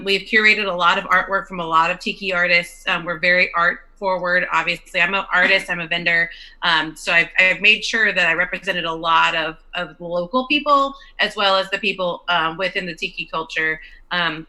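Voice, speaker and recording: A woman's voice: fairly low pitch, steady tone, normal speed, sharp tone. A woman answering as a guest bar co-owner and artist, earnest and full of ums.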